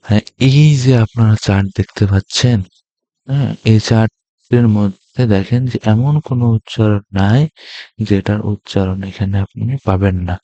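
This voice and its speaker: A man teaching an online language class, explaining slowly and hesitantly with many fillers. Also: fairly low pitch, warm tone, no room sound, highs cut off. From Bangladesh.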